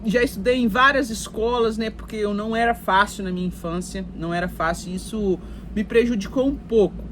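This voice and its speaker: A woman's voice: medium pitch, a little fast, slight background noise. A Brazilian woman talking casually to her viewers, telling her life story in a chatty way with lots of fillers and asides. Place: recording while in Canada.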